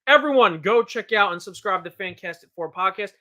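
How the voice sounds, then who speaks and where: A man's voice: sits high, lively intonation, fairly quick, sharp tone. A man in his thirties co-hosting a podcast in casual chat, rambling and self-deprecating with many restarts. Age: 30s. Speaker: podcast co-host.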